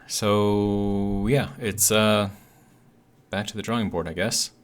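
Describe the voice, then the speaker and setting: Low-pitched man, casual gaming commentary. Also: steady tone, slow. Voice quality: slightly awkward speech from a healing bitten tongue. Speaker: host of a gaming video series.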